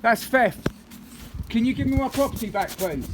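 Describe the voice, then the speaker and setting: A man's voice: very high-pitched, expressive, moderate pace, background noise. A man firmly and insistently telling people at his property to leave, repeating legal warnings. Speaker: property occupier confronting bailiffs. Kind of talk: confrontational recorded exchange.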